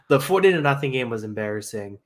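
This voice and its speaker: A man co-hosts a laid-back sports podcast, joking through his picks and laughing between points. His voice sits at a middle pitch in ordinary conversation. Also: lively intonation, brisk. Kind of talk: casual sports chat.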